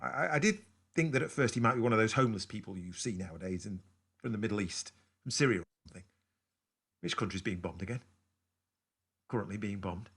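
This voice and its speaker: A man's voice: lowish voice, animated, fast talker, long pauses, fairly bright tone, husky, heavily acted. An actor playing a man with a London accent who tells his partner a story in a rambling, distracted way in a naturalistic stage drama. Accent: London English. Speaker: actor in a two-hander play.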